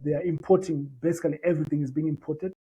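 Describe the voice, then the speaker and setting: This muffled recording captures a Zimbabwean company founder, a native Shona speaker, pitching his business earnestly and conversationally in an interview. Rapid-fire and full of fillers and repeated words, his slightly high voice is dark and breathy, with fairly even intonation.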